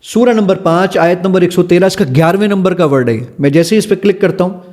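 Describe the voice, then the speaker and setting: On a podcast, an app's founder eagerly explains and demonstrates its features, going through them one by one. His voice is high-pitched with a darkish tone.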